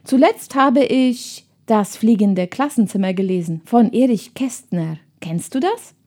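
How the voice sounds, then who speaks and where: A woman's voice: a little high, lively intonation, a little slow, warm tone. A woman voicing a friendly, curious girl who chats eagerly, in a storybook reading. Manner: chatty, friendly.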